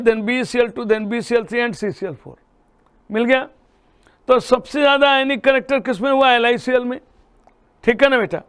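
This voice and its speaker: A man's voice: very high voice, a bit bright, clear, resonant tone. A man teaching a chemistry lesson, talking students through problems and often checking that they follow. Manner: addresses students as "beta", checks understanding often. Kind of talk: classroom lecture solving problems.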